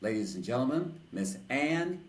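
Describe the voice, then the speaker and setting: A man from New York hosting an interview podcast, speaking in a formal, deliberate way. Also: medium pitch, sing-song, reverberant, poor audio. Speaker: podcast host and DJ.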